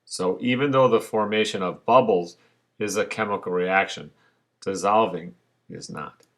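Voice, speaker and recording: A man's voice: low voice, unhurried. A male science teacher giving a recorded online lesson over slides, explaining patiently with frequent fillers.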